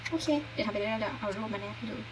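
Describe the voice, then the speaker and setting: A woman's voice: medium pitch, level tone, very fast, background noise. A young woman casually talking through her interior design work, explaining each step with lots of fillers. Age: young adult. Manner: chatty, explains as she goes, many fillers. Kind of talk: casual vlog narration. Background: background music.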